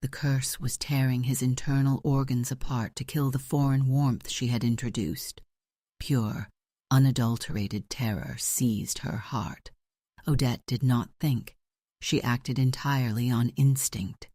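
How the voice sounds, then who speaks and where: A male narrator reads a romance audiobook with steady, dramatic delivery. His tone is dark and mellow, and the recording is dry and close. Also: mid-range voice, measured pace, dry recording.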